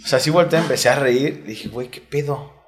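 A man with a mid-range voice talks a little fast in a Mexico City accent. He's a retired footballer appearing as a guest in a casual interview, laying out a personal anecdote candidly and in slang, one step at a time.

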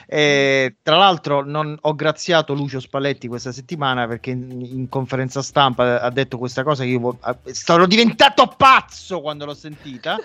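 A man's voice: mid-range voice, moderate pace, hardly any pauses, sharp tone, dry recording. A man hosting a football talk show in casual chat, with an ironic, mock-grand manner. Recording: dry, dull lo-fi audio, music behind. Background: music.

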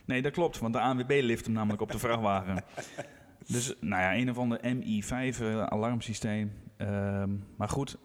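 A man's voice: on the low side, moderate pace. A Dutch man from Groningen, co-hosting a casual podcast and telling a story with acted-out quotes. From Groningen, Netherlands. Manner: animated anecdote teller, acts out quotes. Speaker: podcast co-host, physiotherapist. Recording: room with long reverb.

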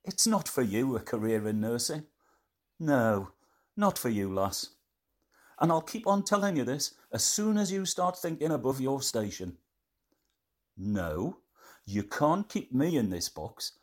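A man's voice: medium pitch, big pitch swings, a little slow. A man playing a blunt, dismissive careers advisor who lectures and belittles. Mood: condescending.

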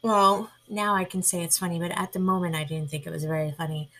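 A woman hosting a casual chat podcast, talking chattily and with animation, sometimes dropping into hushed whispered asides. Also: lowish voice, steady tone, a little fast, a little hiss or hum, low-quality recording. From New York. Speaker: podcast host.

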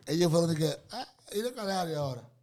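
A man's voice: fairly high pitch, expressive, fast talker, a little mellow. A man hosting a casual chat, teasing and cracking crude jokes. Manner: crude, teasing, boisterous banter.

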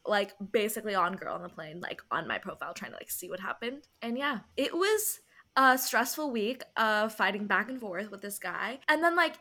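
A woman's voice: medium pitch, lively intonation, moderate pace, pushed and bright. A woman in her late twenties, co-hosting a podcast and telling a story in casual chat with lots of "like". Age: 20s. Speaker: podcast co-host.

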